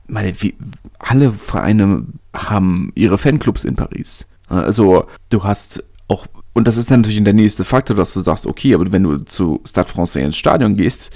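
A podcast host with a fairly low, warm voice is recorded cleanly in a studio with no echo. He offers casual spoken commentary, thinking aloud in a chatty way and often restarting his sentences.

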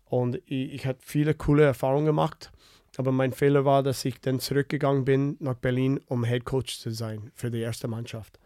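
A man's voice: mid-range voice, flat delivery, normal speed, warm tone, dry recording, clean studio sound. A man in his fifties from Canada, speaking with a Canadian English accent and many fillers and restarts as a podcast guest. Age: 50s. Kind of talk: casual interview chat.

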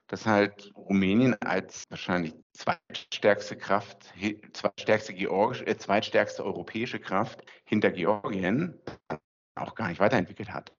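A man hosting a casual podcast chat, hesitant with many fillers, heard through a low-quality recording. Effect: low-quality, muffled recording. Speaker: podcast host. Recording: muffled lo-fi recording away from home.

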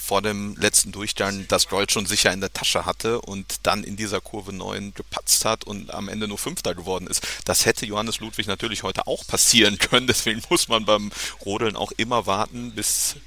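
Bright low-voiced male sports reporter. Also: flat delivery, moderate pace, few pauses. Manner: hesitant with many fillers and repeated words. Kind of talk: podcast interview.

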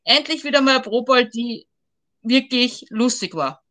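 A woman chats eagerly as a guest over a video call. Her voice sits high and sounds bright and forward. She talks in a lively, enthusiastic way. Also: unhurried. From Vienna, Austria. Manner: chatty, enthusiastic. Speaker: guest, football fan. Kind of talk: casual chat.

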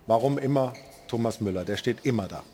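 A man's voice: medium pitch, a little fast, dark tone, a little hiss or hum. A man moderating a football talk show casually, asking questions and handing over to the next item.

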